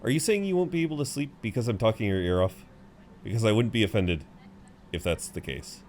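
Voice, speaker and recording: A brisk man's voice, fairly low and a bit mellow with lively intonation, sounds natural over slight background noise. He's acting as a chatty, tall frequent flyer who kindly rambles on to comfort his seatmate, friendly and good-humoured, in one side of an intimate roleplay audio.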